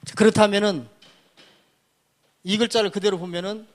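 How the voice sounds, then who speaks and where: A man's voice: high voice, fairly even intonation, moderate pace. A man giving a public lecture, explaining characters step by step and pointing at them as he talks, often asking and then answering his own questions.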